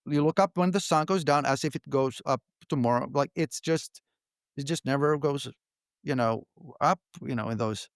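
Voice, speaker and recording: A man's voice: medium pitch, dry recording. Middle-aged guy from finland chatting on a podcast, lots of "you know", dry close mic. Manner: relaxed, halting, with restarts and "you know". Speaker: podcast guest, company founder. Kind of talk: casual interview answers.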